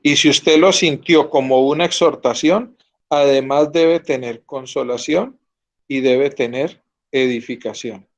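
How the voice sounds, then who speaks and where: A man's voice: medium pitch, measured pace, dull audio. Earnest teacher, man. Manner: earnest, asks students to confirm. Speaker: Bible teacher. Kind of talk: Bible class teaching.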